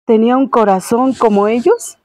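A woman's voice: fairly high pitch, moderate pace, no echo, studio quality, close to an everyday voice. A woman playing a sorrowful statue prince. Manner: soft, sorrowful storytelling. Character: sad statue prince, gentle and regretful.

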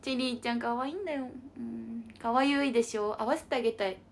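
A woman's voice: fairly high pitch, fast, creaky. A young woman hosting a casual livestream, bubbly and chatty as she reads out viewer comments. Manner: bubbly, refers to herself with an unusual cutesy pronoun. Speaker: livestream idol host.

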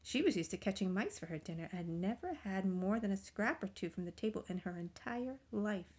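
A woman reading a children's picture book aloud, gentle and expressive, often dropping into soft whispers. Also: mid-range voice, brisk. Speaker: storybook reader.

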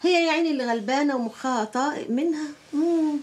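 A woman's voice: high voice, quick pace, recorded from a distance, close to an everyday voice. An actress playing a prying middle-aged mother who sweet-talks and probes with questions. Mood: sly. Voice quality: sweet-talking, probing.

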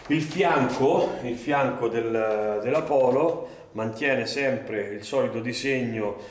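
A man's voice: medium pitch, slow pace. A man in his thirties presenting a product, explaining step by step with frequent fillers and "right?" check-ins. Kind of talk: product demonstration. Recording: roomy studio echo.

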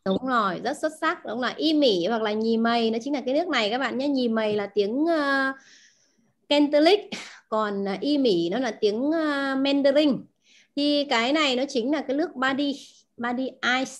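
High-voiced woman teaching a class. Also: normal speed. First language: Vietnamese. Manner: asks the class questions, repeats key words. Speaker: language teacher.

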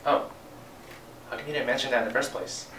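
A young man in an amateur student skit plays an earnest, frustrated actor. His voice is bright and forward. It sounds recorded in an echoey room from a little way off, with faint noise behind. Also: mid-range voice, fairly even intonation, a little fast. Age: young adult. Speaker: student actor playing an auditioning actor. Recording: roomy, distant, faint noise.

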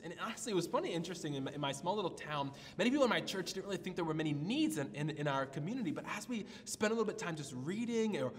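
A male pastor delivering a storytelling sermon in a slightly high voice that swings up and down with animation. He stumbles over restarts and fillers as he goes. The sound carries a long reverb from a large hall. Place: church hall.

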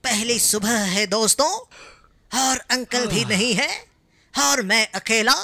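A man giving cartoon-style game commentary, calling out loudly and pleading urgently. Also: very high-pitched, slow pace. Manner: loud, urgent calls and pleading. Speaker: gaming commentator.

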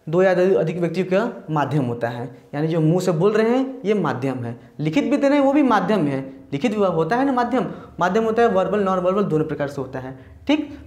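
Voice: medium pitch, a little mellow. A teacher giving a step-by-step lecture, often repeating points and checking in with "ठीक" before moving on. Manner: mixes in English terms alongside Hindi ones. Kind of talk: recorded classroom-style lecture. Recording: echoey room.

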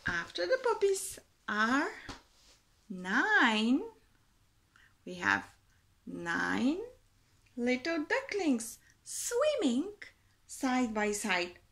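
A woman teacher in her forties reads a picture book aloud to small children, lingering on every word. Her voice sits high and swoops up and down in a lively sing-song lilt. She is recorded close up on a webcam in a small room. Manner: slow, expressive storytime reading with a sing-song lilt.

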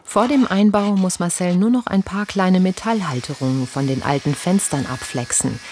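A woman reading the scripted narration of a television documentary in a calm, even way. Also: fairly low pitch, normal speed, slight background noise.

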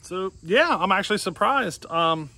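A man's voice: sits high, expressive, a little slow, sharp tone, no room sound. Chuckling man vlogging outdoors. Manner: rambling, chuckling, filler-heavy. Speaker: chainsaw builder. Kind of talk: casual workshop vlog. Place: outdoors in a grassy yard. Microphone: camera close up, handheld.

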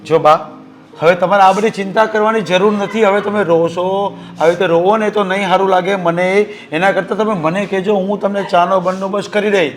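A man's voice: high voice, steady tone, fairly quick, a little hiss or hum, close to an everyday voice. An actor playing a grown son who earnestly reassures his elderly mother. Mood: reassuring.

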